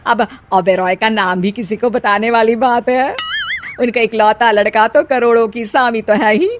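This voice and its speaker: A woman voicing a boastful, sharp-tongued middle-aged aunt in a cartoon story, with a showy, sarcastic delivery. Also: a little high, moderate pace, noisy background, close to an everyday voice.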